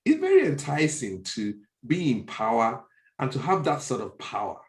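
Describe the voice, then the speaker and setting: On an echoey online call, a Nigerian-accented man with a mid-range voice joins a political podcast discussion as a panelist. His pitch swoops wildly at a moderate pace, and he speaks with emphasis, circling back over phrases as he works through his points.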